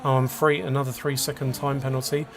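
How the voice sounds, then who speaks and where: A man calls an online racing league in an easy, chatty way, running through positions and penalties. His voice sits at a middling pitch. There is faint noise in the background. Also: flat delivery, fast talker. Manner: chatty, laughs along, lists penalties. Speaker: race commentator. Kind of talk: casual sim racing commentary.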